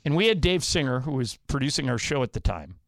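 A man co-hosting a sports talk radio show, telling stories with animated delivery in a studio. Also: mid-range voice, fast talker, gravelly, dry recording. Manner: animated storyteller, acts out quotes. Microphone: studio microphone.

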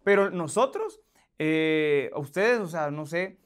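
A man's voice: a little high, lively intonation, slow pace, clear, resonant tone. A man, a guest in a casual interview, who speaks hesitantly and searches for words.

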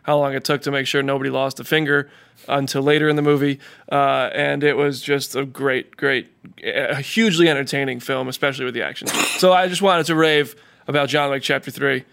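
A man's voice: medium pitch, steady tone, a little fast, gravelly, fairly bright tone, smooth. A man co-hosting a casual chat show, talking animatedly and getting worked up and indignant. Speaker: podcast co-host. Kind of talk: casual chat, raves and rants.

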